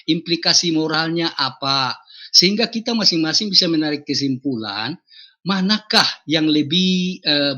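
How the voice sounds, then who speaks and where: Husky-voiced man moderating, dull lo-fi sound. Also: fairly high pitch. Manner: calm, formal, steers back to the topic. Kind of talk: moderating a debate. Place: online voice chat room.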